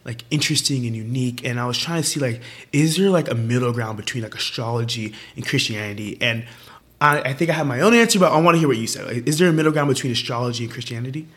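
A man's voice: medium pitch, fast talker, fairly bright tone. A young man hosting a casual youth podcast, chatty and upbeat with many fillers, his voice strained from losing it. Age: young adult. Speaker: podcast host. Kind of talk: casual chat.

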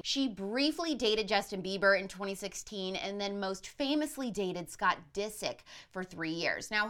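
A woman's voice: medium pitch, a bit bright. Opinionated woman hosting gossip commentary. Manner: opinionated, brisk, gossipy delivery. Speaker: commentary show host. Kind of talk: pop-culture and political commentary.

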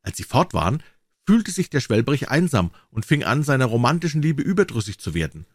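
A man reading a fairy tale aloud as scripted storybook narration, expressive and theatrical. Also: mid-range voice, a little fast, no room sound, clean studio sound. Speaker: audiobook reader.

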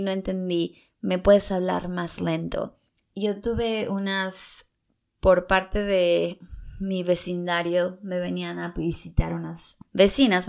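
A woman's voice: on the low side, vocal fry, darkish tone. A young woman from Latin America gives earnest, encouraging advice in a casual vlog, telling stories from her own experience. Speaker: vlogger giving tips for learning English.

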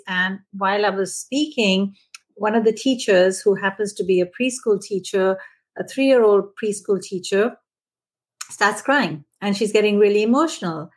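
Woman, early-childhood trainer, animated storytelling, podcast chat, medium pitch. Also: moderate pace.

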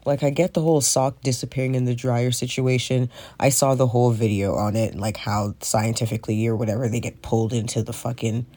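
Stoner guy high and rambling on his own podcast, medium pitch, cusses a lot, super casual. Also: level tone, fairly quick, few pauses, mellow. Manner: frequent swearing. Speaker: podcast host. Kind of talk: casual rambling solo monologue.

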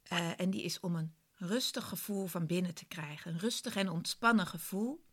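Woman kinda low voice, casually explaining a relaxation exercise right to you. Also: moderate pace, a bit bright, breathy edge. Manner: explanatory, addresses the listener directly. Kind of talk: casual spoken introduction to an exercise.

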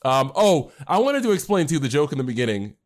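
A man's voice: mid-range voice, sing-song, a little fast. A man co-hosting a casual podcast chat, rambling with fillers and restarts. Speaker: podcast co-host and anime creator.

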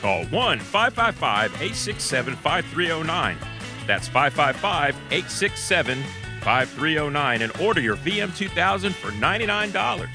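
A loud, pushy infomercial pitchman, as a man puts him on hammers every line with sales hype. The voice sits higher and louder than his normal talk. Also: big pitch swings, normal speed, over music. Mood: hyped. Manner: hyped, salesy, punchy. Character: overexcited male infomercial announcer. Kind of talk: mock commercial.

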